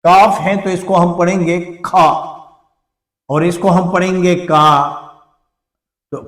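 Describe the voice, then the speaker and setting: A male teacher with an Urdu accent who explains slowly, repeating words to show their pronunciation in a classroom lesson. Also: sits high, little pitch movement, reverberant, recorded from a distance. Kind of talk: slow blackboard lesson.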